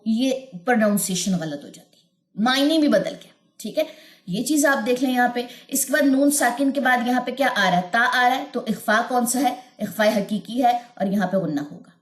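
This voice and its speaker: Female tajweed teacher, higher voice, patient explainer who chants verses, roomy sound. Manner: patient, repeats points, chants verses in a slow melodic recitation. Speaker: Quran recitation teacher. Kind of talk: tajweed lesson with chanted recitation.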